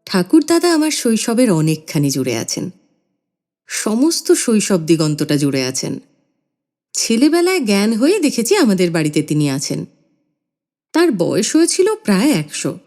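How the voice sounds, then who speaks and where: A woman narrating a literary short story in an expressive, measured way. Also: mid-range voice. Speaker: audiobook narrator.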